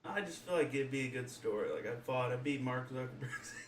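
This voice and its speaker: A man's voice: medium pitch, expressive, brisk. Playful rambling co-host, man. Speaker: trading stream co-host. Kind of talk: casual livestream banter. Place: home.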